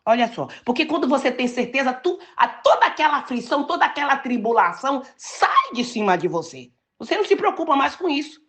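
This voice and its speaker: An older woman from Brazil delivers a sermon in a storytelling way. Her fairly high voice swoops up and down with great liveliness, and she slows right down to hammer home key words. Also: animated, a bit bright. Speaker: preacher.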